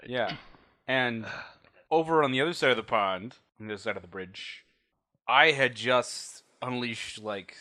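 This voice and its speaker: A man playing a tabletop game, describing his character's actions in a joking, animated way. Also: medium pitch, a little slow. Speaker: player. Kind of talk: tabletop game play, casual.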